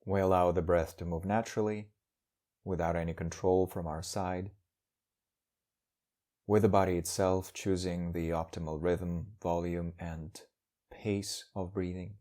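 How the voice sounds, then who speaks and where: A male meditation teacher's voice sits low as he leads a guided session. He speaks calmly, pausing between short, measured phrases.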